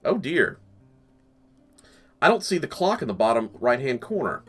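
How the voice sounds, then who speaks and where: Male let's-play host, casual, rambling, lively intonation. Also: medium pitch, normal speed, breathy edge, faint music behind. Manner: rambling, joking, chuckles often. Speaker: gaming channel host.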